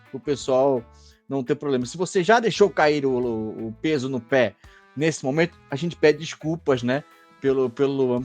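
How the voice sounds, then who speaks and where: A man co-hosting a podcast in a casual chat, relaxed and teasing, with a Brazilian Portuguese accent. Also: mid-range voice. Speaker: podcast co-host.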